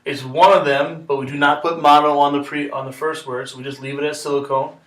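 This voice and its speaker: This male chemistry teacher speaks fairly quickly in a slightly high, somewhat bright voice with a level tone. He patiently explains one step at a time, repeats steps and asks "okay?" to check in, and the echoey classroom is picked up by a distant mic.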